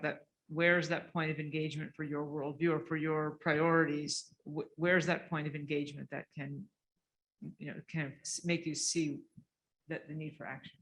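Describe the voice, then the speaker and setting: Higher-pitched man on a discussion panel. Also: vocal fry, a bit bright.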